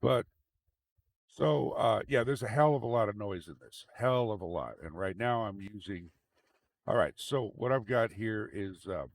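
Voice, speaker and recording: A man with a fairly low, very creaky, gravelly voice talks through a computer demonstration off the cuff. He rambles casually and often repeats his phrases. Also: animated, normal speed. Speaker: tech video host. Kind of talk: casual unscripted screen demonstration. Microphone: microphone into computer audio mixer. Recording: very noisy microphone with fan noise. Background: fan running.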